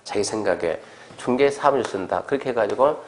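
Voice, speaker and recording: A man's voice: fairly low pitch, expressive, brisk, a little hiss or hum. Korean man giving a casual exam lecture. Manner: conversational, acts out quoted exchanges.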